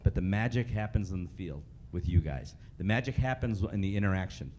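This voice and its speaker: A man's voice: sits low, animated, a little fast, a little mellow, a little hiss or hum. A man presenting a live customer service training to a group, repeating his points and asking the audience questions. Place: meeting room with a live audience.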